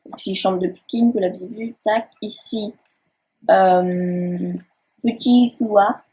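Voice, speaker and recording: A woman's voice: mid-range voice, steady tone, slow pace, darkish tone, slightly rough, rough recording. A young woman casually touring her game world, rambling and hesitant with many fillers. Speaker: gaming channel host. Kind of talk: casual game-tour commentary. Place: at home by a laptop.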